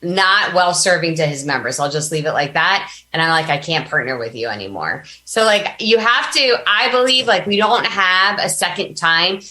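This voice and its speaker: Telling personal stories as a podcast guest, this American business coach speaks informally and emphatically in a conversational interview. Her fairly low, expressive voice has a sharp tone and a moderate pace with hardly any pauses, and the sound is roomy.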